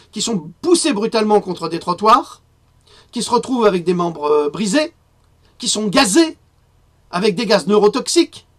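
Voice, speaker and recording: Husky-voiced indignant man. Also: high-pitched, fairly bright tone. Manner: indignant, rising to outrage, many filler hesitations. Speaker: independent press commentator. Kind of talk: spoken press review.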